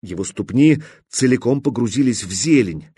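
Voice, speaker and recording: A man narrates an audiobook in a husky, mid-pitched voice, measured and tense. The recording is close and dry, with no room sound. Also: animated, warm tone, no room sound. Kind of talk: scripted narration.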